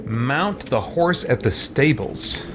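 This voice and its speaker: A let's play host gives casual, rambling gameplay commentary, punctuated by exasperated exclamations. His medium-pitched voice is expressive and slow, competing with loud music, and game audio makes the background noisy.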